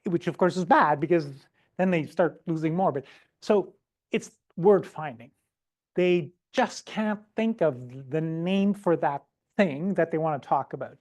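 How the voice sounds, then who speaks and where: Chatty woman lecturer, low voice. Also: a little slow, a little mellow. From Canada. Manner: chatty, keeps asking "right?", acts out patients' words. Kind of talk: informal lecture.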